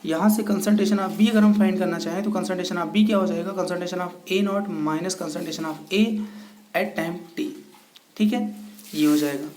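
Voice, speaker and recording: A high-voiced male teacher gives a step-by-step chemistry lecture, asking his students questions and answering them himself. He calls them children and mixes English terms into his Hindi. The sound is roomy and echoey, with a faint hum of ambience behind him. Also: steady tone, a little slow, darkish tone. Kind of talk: recorded classroom lecture.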